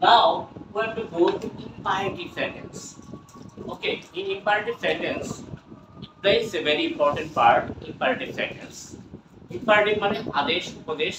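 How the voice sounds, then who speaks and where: A male teacher, his voice high and very lively, drawing out each English example slowly. He sounds far from the microphone in an echoey classroom, with traffic noise clearly heard behind him. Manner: mixes Bengali explanations with slow, drawn-out English example sentences; often checks understanding with quick questions. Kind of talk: classroom grammar lesson. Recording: echoey room from far off, noisy with passing traffic.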